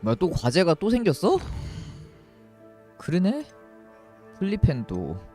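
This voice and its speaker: A man's voice: a little high, sing-song, rapid-fire, darkish tone. A man giving casual game commentary as a streamer, muttering his reactions as he plays. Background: game music.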